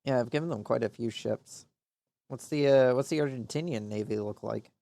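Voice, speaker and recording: A man's voice: medium pitch, normal speed, gravelly, warm tone, dry recording. A man casually commenting on his strategy game during a live stream, rambling and muttering to himself with frequent swearing.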